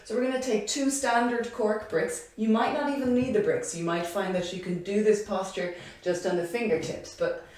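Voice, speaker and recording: A woman's voice: mid-range voice, fairly even intonation, normal speed, hardly any pauses, darkish tone, heavy reverb, far from the mic. A woman yoga teacher guiding a class, chatty and encouraging, counting reps aloud and a bit out of breath as she exercises along. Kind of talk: guided yoga class instruction. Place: yoga studio.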